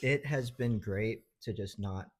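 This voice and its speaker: A man's voice: lowish voice, measured pace, slight background noise. A young man in his twenties from Georgia, a medical student chatting casually with many ums. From Georgia, USA. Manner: relaxed, easygoing, many ums. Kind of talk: casual chat.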